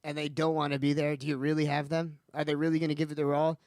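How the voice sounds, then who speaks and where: A man hosting a casual sports chat on his radio show, with smooth radio-style sign-offs. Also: on the high side, monotone, fast, darkish tone, dry recording, clean studio sound.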